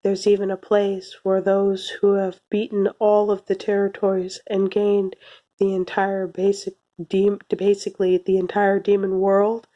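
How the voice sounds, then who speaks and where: A young woman with a soft, slightly cracking voice as she recovers from illness, giving a casual, laid-back review to camera in a small room. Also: mid-range voice, monotone, measured pace, lo-fi sound. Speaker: video reviewer. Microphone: phone or webcam at arm's length.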